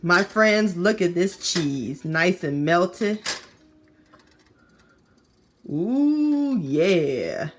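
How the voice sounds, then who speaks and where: A woman with a Southern US accent hosting a casual cooking video, expressive, with savoring exclamations and drawn-out words. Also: on the low side, soft background music. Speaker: cooking show host. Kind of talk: casual recipe narration.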